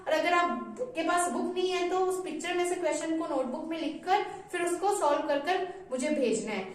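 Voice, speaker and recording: A woman teaching a phonics lesson to small children online. She spells words out slowly in a coaxing, sing-song way and keeps asking questions. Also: very high voice. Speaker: kindergarten teacher. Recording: very echoey room.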